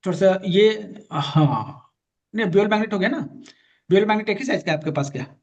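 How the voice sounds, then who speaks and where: A man's voice: high voice, brisk. A man teaching an online class on magnet therapy, patiently repeating key terms and directing a student. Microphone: video call. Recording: dull lo-fi call audio.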